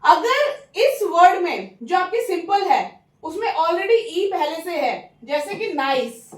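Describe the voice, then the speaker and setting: A high, light-voiced woman with an Indian accent gives a patient grammar lesson, walking through each rule step by step. She checks in with the listener often and slows right down on example words. The sound is roomy, with the mic set a little way off. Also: very animated. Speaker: English grammar teacher. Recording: roomy, mic some distance away.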